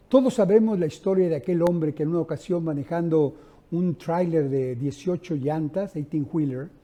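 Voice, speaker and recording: A man preaching an evening church sermon, speaking with passion to the congregation as brethren, swelling and dropping in loudness as he tells stories. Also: fairly high pitch.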